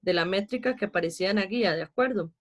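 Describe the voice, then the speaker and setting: She talks fast in a mid-range voice: a Costa Rican woman, an adult with a child, teaching an online class. Step by step and with patience, she explains poetry meter while counting syllables aloud.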